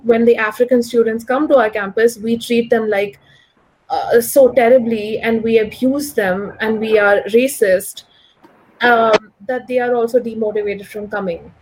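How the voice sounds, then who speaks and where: A woman's voice: on the high side, poor audio. A woman of about thirty with a posh, educated Delhi Indian English accent, giving articulate, opinionated answers in a conversational interview, often saying "like" and "you know". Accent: educated urban Delhi Indian English, posh. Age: around 30. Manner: articulate, opinionated, frequent 'like' and 'you know'. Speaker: interview guest, economist.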